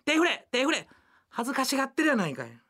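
A woman's voice: high-pitched, huge pitch swings, heavily acted. A woman doing a blustering Kansai husband. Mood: excited. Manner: blunt, boisterous, quick to shout. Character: bumbling loud middle-aged Osaka husband. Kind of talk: rakugo storytelling.

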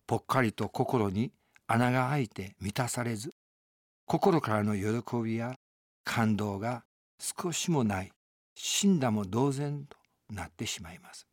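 A man's voice: mid-range voice, animated, a little slow, dry recording. A man, a pastor, delivering an earnest, emphatic radio sermon from a studio.

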